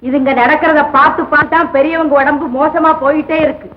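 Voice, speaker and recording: An actress playing a sharp-tongued mother of three sons who nags and needles her husband, in a 1960s film. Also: high voice, steady tone, a little fast, natural voice. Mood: scolding. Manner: nagging, sarcastic. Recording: dull old film soundtrack.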